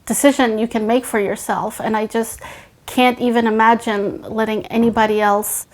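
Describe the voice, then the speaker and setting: A woman's voice: fairly high pitch, level tone, moderate pace. A woman from Afghanistan giving an earnest, reflective documentary interview about her own life. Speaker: interview subject.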